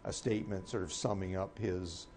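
Halting older man, low mellow voice. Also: steady tone. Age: 60s. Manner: halting, repeats words, measured. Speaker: political commentator. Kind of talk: unscripted broadcast analysis. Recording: clear background noise.

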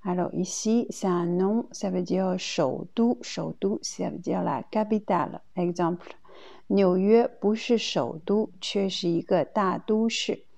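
Slow, gravelly Chinese-accented woman teaching. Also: on the low side, darkish tone. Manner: slow, deliberate, repeats each example twice. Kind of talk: language lesson.

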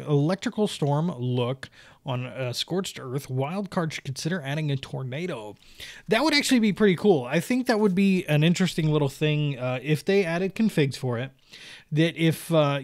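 Rambling young man reading comments. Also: a little high. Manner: rambling, many fillers and restarts. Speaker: gaming YouTuber reading viewer comments. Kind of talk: casual solo commentary.

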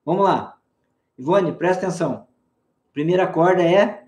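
A man's voice: sits high, moderate pace. A man with a Brazilian Portuguese accent teaching guitar on a live stream, coaxing his student through call-and-response drills with playful nicknames. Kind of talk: live online guitar lesson. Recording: roomy echo with faint guitar.

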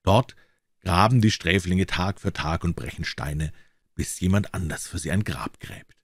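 A man voicing a cold, vengeful man who talks in a calm, controlled and threatening way. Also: sits low, unhurried, slightly rough, no echo, clean studio sound.

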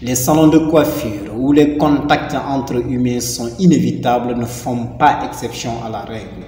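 Male news voice-over, measured read, mellow tone, roomy reverb. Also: mid-range voice. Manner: measured newsreader delivery. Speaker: news reporter. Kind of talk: scripted voice-over narration. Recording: echoey voice-over with long reverb.

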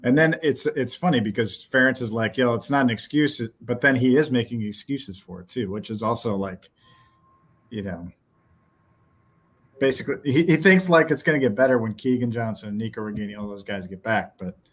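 A middle-aged man hosting a casual postgame sports podcast over a video call, blunt and animated with lots of fillers. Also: mid-range voice, brisk. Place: small indoor office. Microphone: headset on a video call.

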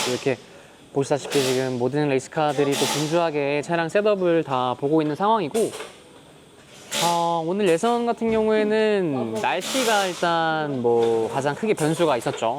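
Man speaking haltingly over clear background noise. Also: a little high. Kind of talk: casual post-qualifying recap to camera. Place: busy racing paddock or garage. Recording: clearly noisy on-location recording.

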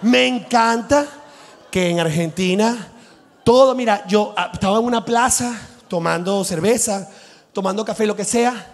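A Venezuelan man, a comedian and host, telling stand-up stories with animated, slangy delivery. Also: high-pitched, moderate pace, big-room sound.

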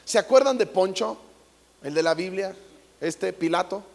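A man with a Mexican accent giving a comic inspirational talk to an audience, an animated, jokey storyteller who acts out voices. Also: high voice, measured pace, creaky, a little hiss or hum. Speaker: motivational speaker. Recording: echoey large hall.

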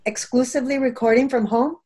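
A woman hosting a talk show, quickly and curiously questioning her guest. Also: high-pitched, steady tone, warm tone. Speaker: host. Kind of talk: interview questions.

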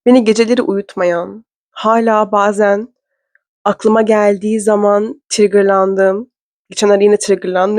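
Young woman rambling fast to the camera, laughs at herself, dry sound, medium-pitched. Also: darkish tone, no echo. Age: young adult. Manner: chatty, fast, self-mocking. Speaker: vlogger. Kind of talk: casual storytelling vlog. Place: indoor room.

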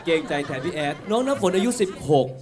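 A man's voice: high voice, lively intonation, fast talker, very noisy. A man judging on a TV show, clowning around with joke gibberish while critiquing the singer. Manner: clowning, mock gibberish jokes. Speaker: contest judge. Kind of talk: comic on-air critique.

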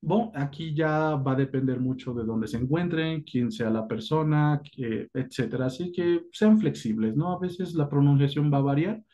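A man teaching a French lesson in Spanish, calm and reassuring, slowing down to model each French word. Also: fairly high pitch, lo-fi sound. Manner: patient, reassuring, slows down to model French pronunciation. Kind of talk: online language lesson. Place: indoors at a whiteboard.

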